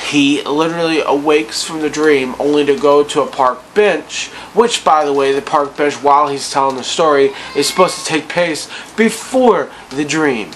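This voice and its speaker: A man's voice: fairly high pitch, fairly bright tone, slight background noise, poor audio. A drunk man giving a casual, rambling, profane rant about movies in a loose, incredulous way. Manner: tipsy, loose, incredulous ranting. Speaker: vlogger ranting about bad movies.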